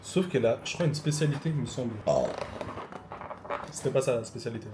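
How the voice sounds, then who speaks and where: A young man, animated, tasting fast food in a casual vlog and swearing loudly at bad food. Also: medium pitch, noisy background. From Switzerland. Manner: animated, loud bursts of disgust, swearing. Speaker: food vlogger.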